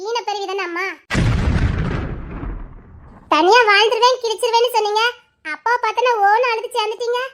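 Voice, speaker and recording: A woman's voice: very high-pitched, fairly even intonation, a little fast, long pauses. A woman playing a bitter grown daughter who lectures her parents reproachfully.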